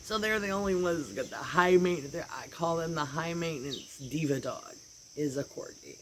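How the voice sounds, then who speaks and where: This woman has a deep voice and talks at normal speed. An American vlogger, she sits on a porch outdoors rambling in casual chat about her dogs, animatedly voicing their thoughts, while birds and insects are heard outside.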